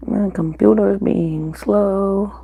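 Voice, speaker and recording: Live-stream host, woman, slow drawl with a very gravelly edge, chatty, slipping into whispers, recorded on a computer mic at home. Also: medium pitch, fairly even intonation, narrow, tinny audio. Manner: chatty, reads viewer comments aloud, often drops to a whisper. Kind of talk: casual live-stream chat while cooking and eating. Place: home, at a table with a griddle.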